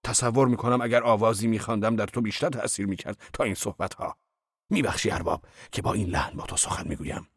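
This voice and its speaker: Brief: man reading as a passionate old laborer, gravelly and husky, raised and scornful, audiobook. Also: on the low side, no echo, clean studio sound, voice pushed up. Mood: fierce. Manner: loud, scornful, heated outbursts. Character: fiery old male laborer, blunt and passionate.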